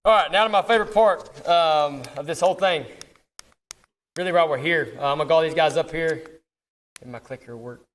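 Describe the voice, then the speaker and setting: A football coach presenting awards reads out a roster to the audience at a ceremony, keeping it informal. His voice is a little high, bright, and fairly quick, recorded live with crowd noise and clear background noise.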